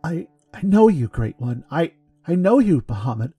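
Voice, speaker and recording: An earnest young cleric stammers out his pleas, voice raised high and strained, as a man plays him. The tone is husky and breathy. Soft music runs beneath. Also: very animated, normal speed, no room sound, full character voice. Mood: pleading, tearful. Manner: stammering, pleading, raised pitch. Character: young male cleric, earnest, tearful, devout.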